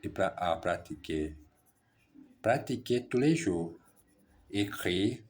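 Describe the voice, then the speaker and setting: Deep-voiced and animated yet slow and husky, this Portuguese-speaking man is a French learner reading practice passages aloud. His pace is halting and careful, broken by frequent self-corrections.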